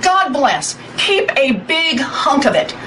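Emphatic high-voiced woman giving a speech. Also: sing-song, takes it slowly, sharp tone, slight background noise. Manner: emphatic, insistent. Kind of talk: political speech. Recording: distant speech clip with faint ambience.

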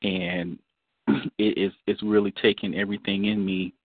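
Male caller, low voice, broken-up phone connection cutting out. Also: little pitch movement, no echo. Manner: halting, many fillers and restarts. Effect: phone audio cutting out. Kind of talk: casual call-in talk. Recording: dry phone-line audio with dropouts.

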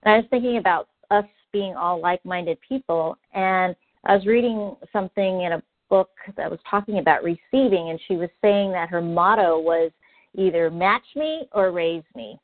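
A woman's voice: on the low side, moderate pace, no echo. Thoughtful woman on a phone line. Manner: reflective, agreeable, lots of fillers. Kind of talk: casual group phone call. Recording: tinny phone line, dry.

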